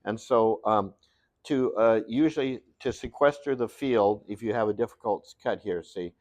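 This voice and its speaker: A man's voice: lowish voice, moderate pace, a little mellow, no echo. Man, glass-cutting instructor, folksy and rambling, thinking aloud, dry close sound, studio workshop. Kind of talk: live hands-on demonstration.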